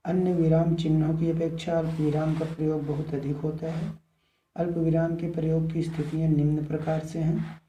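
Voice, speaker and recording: A man teaching a grammar class in a very deep, mellow, rather flat voice. He explains step by step and speaks straight to his students. The sound is roomy and echoey, with the voice set back from the mic. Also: normal speed, distant mic, a little hiss or hum. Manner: patient, explanatory, addresses pupils directly. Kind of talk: classroom grammar lesson walking through slides. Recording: echoey room, voice away from the mic.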